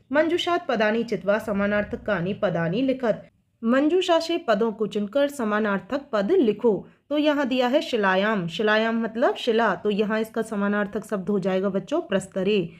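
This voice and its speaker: A woman's voice: on the high side, expressive. Patient woman teacher explaining to children. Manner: reads each line slowly, then explains it. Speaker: school teacher. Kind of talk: solving textbook exercises for children.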